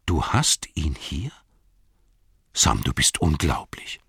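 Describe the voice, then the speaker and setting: A man's voice: a bass voice, big pitch swings, slow pace, vocal fry, fairly bright tone, husky, no room sound, clean studio sound, full character voice. A man voicing a tormented young male hobbit in an audiobook, strained and torn between frenzy and regret. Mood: astonished. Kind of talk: audiobook character voice.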